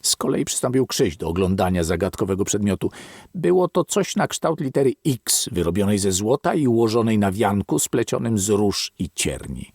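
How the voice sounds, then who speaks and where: Gravelly, low-voiced male audiobook narrator. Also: big pitch swings, normal speed, a little mellow, no echo, studio quality. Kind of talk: scripted literary narration.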